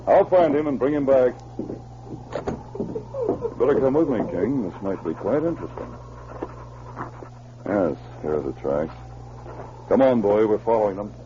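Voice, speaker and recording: A commanding Mountie sergeant from a 1940s radio adventure. The delivery is deliberate and authoritative, with wide swings in a medium voice, on a muffled, very noisy recording. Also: male voice, fairly low pitch, sing-song. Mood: calm, probing.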